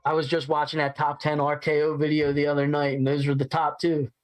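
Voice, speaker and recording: A man co-hosting a casual watch-along, speaking enthusiastically and piling up one quick example after another. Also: a little high, completely flat delivery, low-quality recording.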